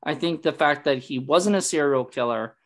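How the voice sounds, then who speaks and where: A man's voice: fairly high pitch, normal speed. A man chatting casually about a movie he loves, rambling with lots of fillers and laughing at the jokes he retells. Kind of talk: casual chat recapping a movie.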